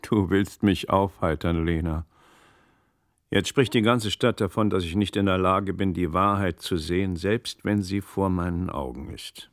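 In a German radio play, a male actor portrays a troubled, learned magistrate, his low, gravelly voice measured and literary. The mood is brooding and weary, captured in studio quality with no room sound.

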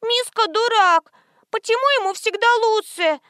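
A tattling little preschool girl whines in a shrill, squeaky voice with a childish lisp. The storybook voice sits far above the reader's own pitch and is recorded dry and close. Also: a little slow, a bit bright, no room sound. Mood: whiny.

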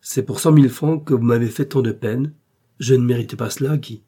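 Dignified, hurt young wife in a storybook reading, voiced by a man, mellow and husky. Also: mid-range voice, a little fast. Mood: reproachful. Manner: reproachful, dignified.

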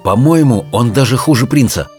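A man reading a children's fantasy story aloud in an expressive storytelling manner. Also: medium pitch, moderate pace, faint music behind. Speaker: audiobook narrator. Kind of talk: audiobook reading.

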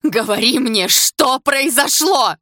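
A woman reading the part of a grief-struck young woman, her low, husky voice climbing into shrill, frantic cries. The sound is dry and close. It is audiobook drama, full of raw pleading. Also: brisk, mellow, dry recording. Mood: hysterical.

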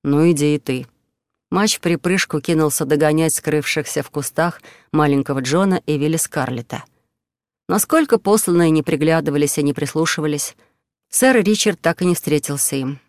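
A man narrating an audiobook story in a steady, expressive way. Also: on the high side, normal speed, dry recording.

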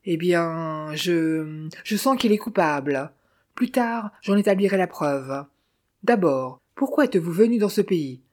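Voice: mid-range voice, lively intonation, a little slow, darkish tone, natural voice. A narrator voicing a coarse, bullying police captain who talks sarcastically and blusters. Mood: blustering. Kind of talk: audiobook character voice.

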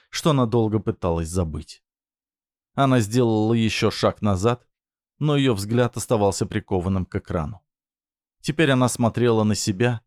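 A man narrating a dramatic story in a measured, dramatic reading style. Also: on the low side, darkish tone, dry recording, studio quality.

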